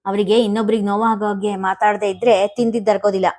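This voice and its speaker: A woman voicing a gentle, worried older wife who speaks softly and anxiously in a storybook reading. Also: mid-range voice, little pitch movement, fast, natural voice. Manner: soft, anxious pleading.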